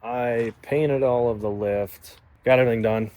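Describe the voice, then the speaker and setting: A young man with a mid-range voice narrates his truck project casually, speaking a little slowly with fairly even intonation and sometimes getting out of breath. He rambles and pokes fun at himself while working in the backyard and workshop, moving between indoors and out. His phone camera is propped up nearby, so the sound is phone-quality with a little hiss or hum.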